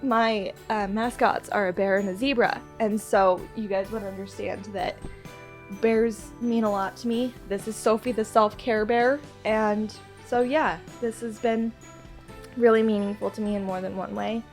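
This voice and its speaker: A woman with a cold shares gifts with her vlog audience, her stuffy, nasal voice chatty and girlishly gushing. Pitch is mid-range, intonation fairly even, pace a little slow, and faint music plays underneath.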